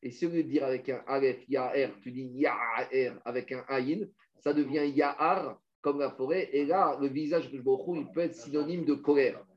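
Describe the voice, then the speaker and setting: A man teaching a Talmud study class, explaining with lively energy and weaving in quoted Hebrew and Aramaic phrases. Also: mid-range voice, normal speed. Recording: muffled lo-fi recording.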